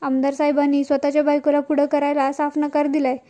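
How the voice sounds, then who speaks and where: A woman's voice: high voice, monotone, fast, mellow, natural voice. A woman voicing a chatty, curious village man talking politics. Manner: questioning, chatty.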